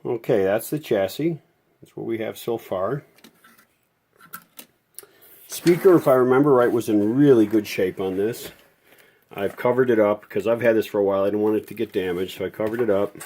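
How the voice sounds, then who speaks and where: In this restoration video, a radio repairer walks through the fix casually and without a script, wandering into folksy tangents. His voice sits lowish and mellow, his speed is normal, and he pauses often.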